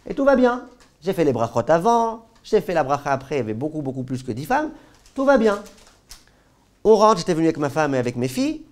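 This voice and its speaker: Un homme, rabbin, qui donne un cours de loi juive vivant, avec des anecdotes, et qui passe souvent de l'emphase forte aux apartés à voix basse. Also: male voice. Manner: animated storyteller, jumps between loud stress and quiet asides; asks the class questions. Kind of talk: lively halakha class told with anecdotes.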